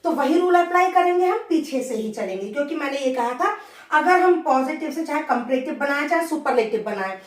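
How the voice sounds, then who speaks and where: A woman teaching an English grammar lesson step by step. She dictates the example sentences slowly, word by word, and keeps checking in with the class with a rising "okay". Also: sits high, reverberant, recorded from a distance.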